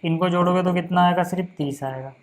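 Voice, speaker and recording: A young man teaching a casual maths lesson, patient and chatty, checking in often and slowing down to count out each step. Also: sits high, steady tone. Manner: slows down to count out steps.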